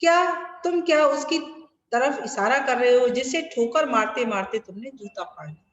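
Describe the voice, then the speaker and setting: Woman teacher on a video call, fairly high voice, keeps rephrasing, big echo, long reverb. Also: lively intonation, normal speed, lo-fi sound. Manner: rhetorical, repeats and rephrases lines while explaining. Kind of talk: explaining a Hindi lesson over a video call. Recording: echoey room with long reverb.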